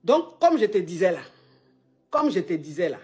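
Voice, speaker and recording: A woman's voice: fairly low pitch, very animated, moderate pace, warm tone, faint music behind. A woman hosting an advice show, talking casually and teasingly with a caller and repeating her phrases. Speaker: advice show host, relationship coach.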